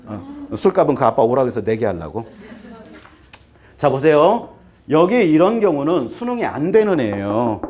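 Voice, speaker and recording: A man in his fifties, an academy teacher, briefing parents in a lively lecture, firing rhetorical questions and getting worked up until he trips over his words. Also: medium pitch, moderate pace. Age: 50s. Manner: animated, rhetorical questions, acts out students and parents.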